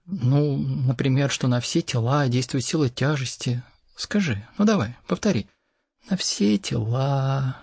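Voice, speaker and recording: A man's voice: medium pitch, a little slow, vocal fry, slightly rough, dry recording, clean studio sound. A man voicing a female physics teacher who coaxes and pleads with a pupil. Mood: coaxing. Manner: wheedling, coaxing, rising to a shout.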